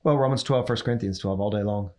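A man's voice: on the low side, fast, a little mellow. A man co-hosting a ministry podcast, talking animatedly in a coaching tone and repeating phrases for emphasis. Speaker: ministry leader, podcast co-host. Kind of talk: casual ministry podcast conversation.

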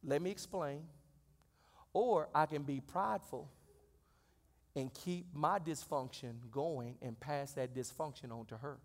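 A pastor in his forties preaching a sermon in a church. He talks conversationally and then swells into loud, high-pitched exclamations. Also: unhurried, long reverb tail. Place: church sanctuary.

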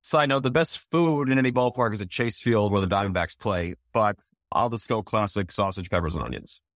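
Wry low-voiced podcast panelist man. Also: fairly quick, dry recording, clean studio sound. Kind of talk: casual podcast chat.

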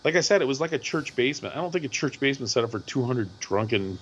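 A middle-aged man with a hoarse voice, co-hosting a podcast and telling a rambling, animated story with lots of repeats. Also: mid-range voice, quick pace, dull audio, slight background noise. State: hoarse from screaming at a concert. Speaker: podcast co-host. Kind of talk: casual chat.

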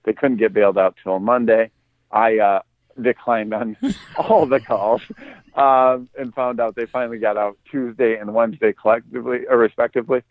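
A man's voice: mid-range voice, fairly even intonation, normal speed, no echo. Laid-back man, tinny dry podcast audio. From United States. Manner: laid-back, chuckles through his story. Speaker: podcast co-host. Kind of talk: casual storytelling.

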